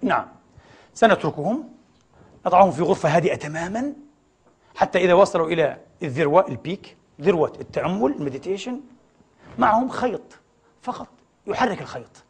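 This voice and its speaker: A man's voice: sits high, expressive, husky. A middle-aged man preaching a sermon in a mosque, who keeps asking the congregation rhetorical questions and calling them brothers. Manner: fills pauses with rhetorical "what?" questions to the congregation; often addresses the audience as brothers. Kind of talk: Friday sermon lecture. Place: mosque prayer hall.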